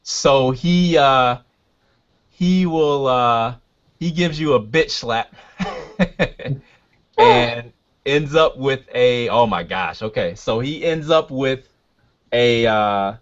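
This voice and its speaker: A man with a mid-pitched voice referees a tabletop game in a casual, halting way, often thinking aloud. The recording is slightly muffled and lo-fi. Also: lively intonation. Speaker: game master. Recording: dull, lo-fi sound.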